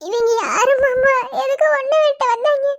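A woman's voice: extremely high pitch, expressive, unhurried, fairly bright tone, full character voice. A woman voicing a tearful, selfless young woman in a cartoon who soothes her lover, with a Madurai Tamil accent. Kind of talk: cartoon voice acting.

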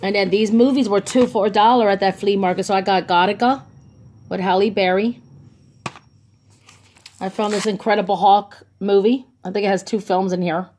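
A woman's voice: medium pitch, steady tone, normal speed, a little mellow. Chatty lady doing a haul video on her phone, lots of ums, gushy, bit of faint hiss and clicks. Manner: chatty, enthusiastic, many ums. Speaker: vlogger. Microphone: phone held by the speaker, off camera.

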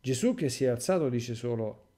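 Priest narrating in a mellow voice. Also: male voice, medium pitch, fairly quick. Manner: expressive storytelling, asides to listeners. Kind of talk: catechesis reading with commentary.

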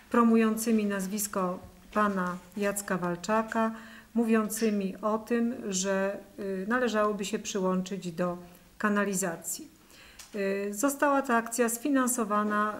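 A middle-aged woman, a mayoral candidate, giving an earnest statement at a press conference with frequent hesitations, recorded indoors on a table microphone. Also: mid-range voice.

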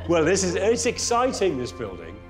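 Wry, animated male documentary presenter. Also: high-pitched, moderate pace. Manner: wry, enthusiastic, theatrical exclamations. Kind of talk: documentary narration and on-site interviews. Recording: music bed under narration.

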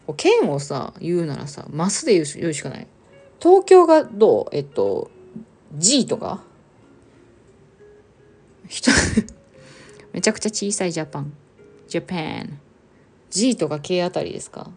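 A woman's voice: low-pitched, very animated, moderate pace, long pauses, darkish tone, slightly rough, soft background music. A young woman hosting a casual live stream, chatting with viewers and reading their comments aloud. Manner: chatty, reads viewer comments aloud, exclaims and laughs often.

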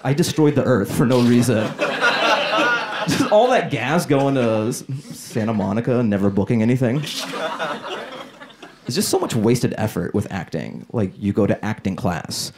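Animated male stand-up comic, loud crowd. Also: mid-range voice, normal speed, noisy background. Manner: animated, crowd work, acts out voices. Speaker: stand-up comedian. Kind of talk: stand-up comedy set. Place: comedy club stage before a laughing audience. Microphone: handheld stage mic. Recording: live club recording with loud crowd laughter.

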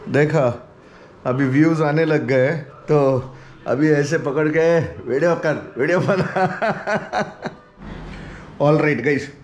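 A man's voice: fairly high pitch, very slow, a little hiss or hum. A man in his forties chatting and laughing as he vlogs his day to a camera held at arm's length, mixing in English phrases. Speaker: vlogger. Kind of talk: casual daily vlog to camera. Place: home, then outdoors at night. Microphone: handheld action camera at arm's length.

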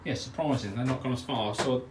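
A man chats through his DIY work in a cramped garage, rambling and matter-of-fact, full of "uh, yeah" fillers. The mic sits some way from him, so his voice sounds distant. A steady air conditioning hum and passing traffic run underneath. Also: mid-range voice, a little fast, reverberant. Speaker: DIY pond vlogger. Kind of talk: casual DIY walkthrough chat. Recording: distant mic with background noise.

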